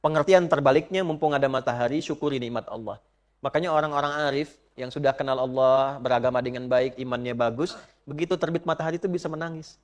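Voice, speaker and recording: A man preaches a sermon. He chants Arabic verses slowly and questions his listeners directly, swinging from emphatic peaks to soft asides. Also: medium pitch. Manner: asks the audience direct questions. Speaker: Islamic preacher.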